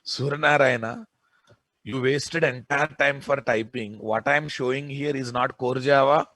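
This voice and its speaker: A man's voice: medium pitch, steady tone, a little slow, a bit bright, no room sound. A man with a Telugu Indian accent giving an informal technical lesson as a programming lecturer, insistent and often putting questions to his students.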